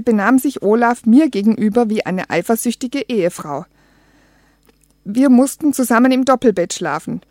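A woman's voice: on the high side, no room sound. A woman reading a humorous first-person story aloud as an audiobook, with a wry, dry comic delivery. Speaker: audiobook reader.

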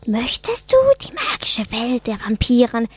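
A soft, airy witch , played by a woman, who whispers in a lively, rising and falling voice. She sounds high and breathy, with a dry, close sound. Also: measured pace, no echo, heavily acted. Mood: mysterious. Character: whispering female witch who welcomes visitors. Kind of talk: amateur radio play.

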